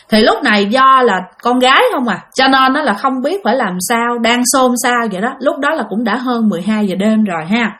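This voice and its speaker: Southern vietnamese lady telling a ghost story, chatty, talks right to listeners, kinda high voice. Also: fairly bright tone. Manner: chatty, addresses listeners directly. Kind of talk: spoken ghost story narration.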